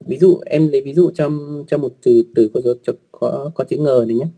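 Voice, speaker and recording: A man's voice: medium pitch, moderate pace, slightly rough, phone-quality sound. A man teaching an online lesson on writing rules, speaking patiently with polite particles, frequent fillers and repeated words.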